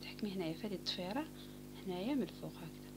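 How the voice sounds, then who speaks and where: A woman with an Algerian Arabic accent giving a calm step-by-step crochet tutorial, often dropping to a near whisper. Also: mid-range voice, rapid-fire. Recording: home recording with clear background noise.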